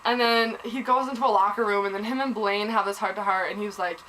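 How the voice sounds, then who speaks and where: A young woman excitedly recapping a TV episode in casual chat, gushing and saying "like" and "oh my god" a lot. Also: medium pitch, fast, slight background noise, rough recording.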